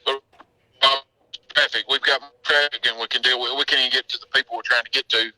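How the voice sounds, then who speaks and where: Police chief on a breaking-up phone line. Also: male voice, mid-range voice, steady tone, pushed and bright, no echo. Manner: urgent, halting, fragmented speech. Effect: cut-off, breaking-up phone transmission. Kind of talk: live phone report.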